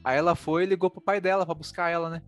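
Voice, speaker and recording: A man with a Brazilian Portuguese accent, hosting a podcast and telling a story in casual chat, animated and quick, full of fillers. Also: fairly high pitch, faint music behind. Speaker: podcast host.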